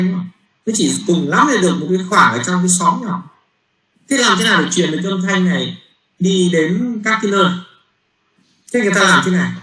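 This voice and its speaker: A man's voice: high voice, bright, forceful tone. A man lecturing a physics class in a classroom, speaking. He explains step by step, repeats words while he thinks and often checks with the students. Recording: roomy classroom echo.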